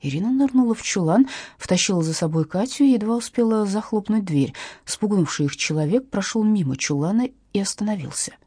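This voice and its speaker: A woman giving a lively, expressive audiobook narration on a close mic. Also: medium pitch, fairly quick, husky, no room sound.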